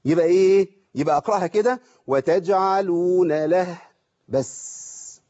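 A man with an Egyptian Arabic accent teaches tajweed, the rules of Quran recitation, reciting examples as he goes. His voice is high and dark-toned at a normal speed, and he keeps posing questions and answering them himself. The recording has a dull, lo-fi quality.

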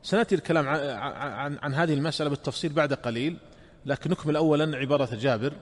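Male religious teacher, measured explanatory delivery with repeated phrases, slightly higher voice, long hall reverb. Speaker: Islamic scholar. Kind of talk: religious lesson.

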